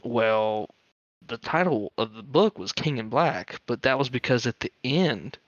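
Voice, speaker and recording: A man's voice: mid-range voice, dry recording, highs cut off. A man co-hosting a podcast, chatting casually and eagerly about comic book stories. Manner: excitable fan, talks fast with many fillers. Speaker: podcast co-host. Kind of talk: casual chat.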